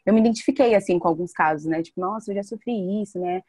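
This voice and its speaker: A woman's voice: mid-range voice, fast, darkish tone, slightly rough, dry recording. A woman in her twenties sharing her story in an interview, talking hesitantly with many fillers. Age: 20s. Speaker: interviewee, education student. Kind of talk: testimony interview.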